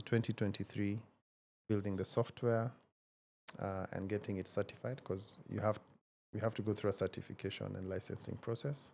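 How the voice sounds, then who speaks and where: Gravelly low-voiced man, measured. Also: slight background noise. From Kenya. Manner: measured and reflective, many hesitations. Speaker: guest, tech founder. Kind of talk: casual interview conversation.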